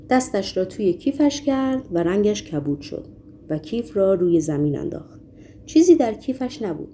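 Female audiobook narrator, steady and expressive; dark, mellow tone. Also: medium pitch.

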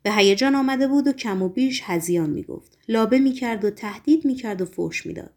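A woman narrating a novel as an audiobook, measured and even in her reading. Her voice sits a little higher than most.

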